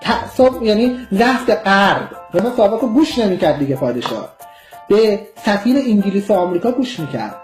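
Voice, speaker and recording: A man's voice: high voice, very animated, faint music behind. A man from Iran giving an impassioned political monologue, vehement and scornful, lecturing his listeners. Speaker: political commentator.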